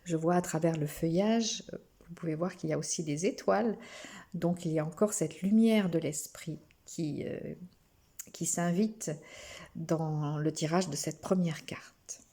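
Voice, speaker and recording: French woman, card reading, slow, hesitant, mellow, somewhat low. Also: husky. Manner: slow, gentle, with frequent hesitations and restarts. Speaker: spiritual card reader. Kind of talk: oracle card reading to camera.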